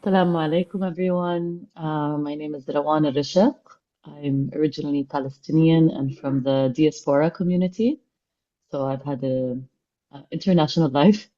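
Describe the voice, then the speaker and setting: Woman on a dull-sounding video call, dark mellow voice, flat delivery. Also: sits low, normal speed. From Kuwait. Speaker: facilitator and singer.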